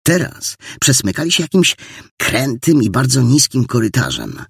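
A man's voice: low-pitched, vocal fry, slightly rough, no echo, clean studio sound. A man narrating an audiobook with dramatic storytelling. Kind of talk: scripted narration.

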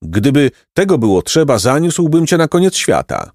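A man's voice: on the high side, very animated, moderate pace, a little mellow, no echo, clean studio sound, voice pushed up. A man voicing an earnest, devoted young son in a storybook reading.

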